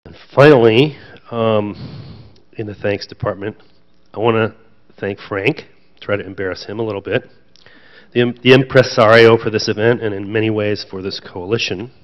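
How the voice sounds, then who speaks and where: A man's voice: lowish voice, steady tone, normal speed. A man speaking as a panel speaker at a conference, chatty, with light self-deprecating jokes. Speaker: panel speaker, association president. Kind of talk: conference remarks. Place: conference room with audience. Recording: dull lo-fi event audio.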